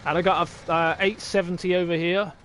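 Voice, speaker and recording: A man's voice: sits high, fairly even intonation, brisk, fairly bright tone. A man live-streaming a farming game, thinking aloud, chatting to viewers and swearing casually as he plays. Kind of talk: casual live-stream chat while playing.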